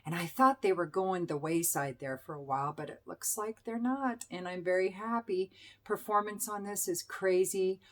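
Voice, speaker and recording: A woman's voice: on the low side, moderate pace, fairly bright tone. Chatty woman reviewing perfumes. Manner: chatty, enthusiastic, with fillers and self-corrections. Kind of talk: casual product review.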